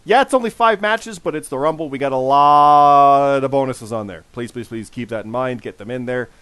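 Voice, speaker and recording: A man in his forties with a hoarse, worn voice, hosting a casual podcast and repeating phrases for emphasis. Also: mid-range voice, moderate pace, fairly bright tone, dry recording. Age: 40s. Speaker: podcast host.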